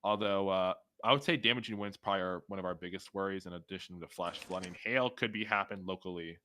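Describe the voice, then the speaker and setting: A man's voice: deep voice, quick pace, bright, forceful tone. A man hosting live weather commentary on a storm stream, hesitant with many fillers and restarts.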